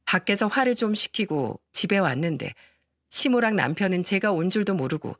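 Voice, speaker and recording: A woman's voice: medium pitch, animated, moderate pace, a bit bright, dry recording. Woman narrating a story, dry close sound. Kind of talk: first-person story narration.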